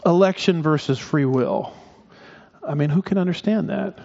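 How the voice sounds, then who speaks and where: A man's voice: on the high side, normal speed, vocal fry, darkish tone, muffled recording. A man preaching a sermon as pastor, in a conversational way with asides and restarts.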